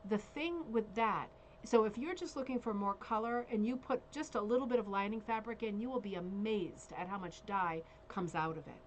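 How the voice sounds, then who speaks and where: A woman's voice: medium pitch, moderate pace, rough recording. A woman hosting a casual live craft show as bingo caller, chatting with frequent check-ins and reading out details. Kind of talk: casual live show chat with read-out descriptions. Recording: clearly audible background noise.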